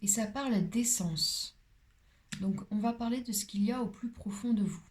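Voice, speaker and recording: A chatty woman with a mellow, warm voice reads tarot cards in a relaxed, playful way. She slips into soft whispers now and then. A faint hiss sits under her voice. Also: medium pitch, normal speed. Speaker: tarot card reader. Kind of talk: casual card-reading guidance.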